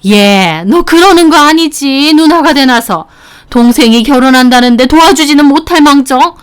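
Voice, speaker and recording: A woman voicing a domineering middle-aged mother-in-law who scolds and shouts in a dramatized story reading. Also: sits high, moderate pace, voice pushed up, close to an everyday voice. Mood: scolding.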